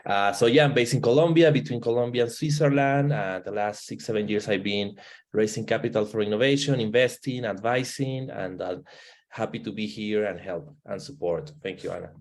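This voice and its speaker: A man greets the host warmly and gives a casual introduction of himself as a judge. His voice sits on the low side. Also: a little fast. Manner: friendly, casual. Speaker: venture partner, judge.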